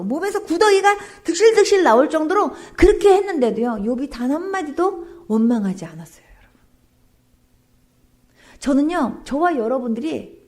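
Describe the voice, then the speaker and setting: A woman pastor preaching with a very high, lively voice that leaps up and down. She is fervent and exclamatory, then drops into hushed whispers to press a point home. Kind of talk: emotional testimony sermon.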